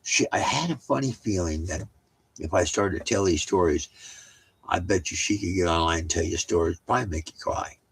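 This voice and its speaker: A man's voice: deep voice, breathy edge, rough recording. An older man telling family stories at home in a rambling, casual way, with many restarts and side remarks. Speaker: storyteller.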